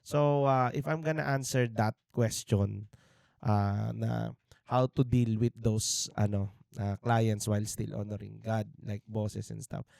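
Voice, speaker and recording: A man's voice: lowish voice, fairly even intonation, slow, vocal fry, darkish tone, dry recording, studio quality. A Filipino man in his thirties, co-hosting a podcast and sharing a candid faith testimony in an earnest, reflective way. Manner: earnest, reflective, with frequent restarts and fillers. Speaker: podcast co-host. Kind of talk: candid faith testimony, mixing Tagalog and English. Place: indoor podcast studio.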